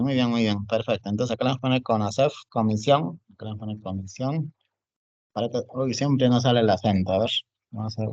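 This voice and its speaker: A man's voice: medium pitch, darkish tone, no echo. Man teaching class, checking in constantly. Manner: repeats "jóvenes" and "¿no es cierto?" often; talks while typing on screen. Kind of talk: online class lecture. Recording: dull dry recording.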